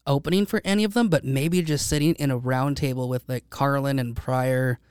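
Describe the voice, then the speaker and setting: Casually chatting on his podcast, an American host speaks a little fast in a mid-range, clear, resonant voice, a touch mellow and fairly even in intonation, with many restarts and fillers. The studio-mic sound is clean and echo-free.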